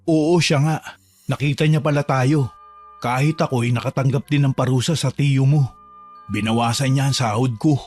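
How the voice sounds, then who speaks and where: A man voicing a calm, protective gardener who reassures a trapped girl in a horror drama. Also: normal speed, husky, close to an everyday voice. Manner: calm, reassuring, low-key. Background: faint music.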